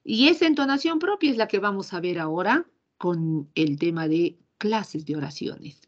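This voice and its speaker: A woman's voice: fairly low pitch, animated, normal speed, dull audio. A woman teacher giving a grammar lesson, explaining patiently and often checking in with short tag questions.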